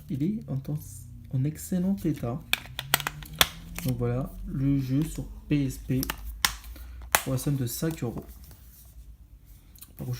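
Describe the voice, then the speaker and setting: A man's voice: medium pitch, noisy background. A man casually reviewing games he bought, talking in a rambling way with many fillers. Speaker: video game collector vlogger.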